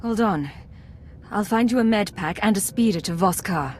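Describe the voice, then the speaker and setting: A woman plays a cool, commanding Imperial secret agent in a video game, sounding controlled, authoritative, calm and steady. Her medium-pitched voice is a little mellow, fairly close to an everyday voice, with lively intonation and a moderate pace. There's slight background noise.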